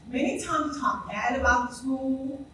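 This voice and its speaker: A woman's voice: high voice, moderate pace, background noise. Emphatic woman speaking in an echoey hall. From South Carolina. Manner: emphatic, rising on repeated phrases. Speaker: school staff speaker at a ceremony. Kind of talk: heartfelt tribute speech. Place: school gathering space with a live audience. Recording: echoey room, voice from far off.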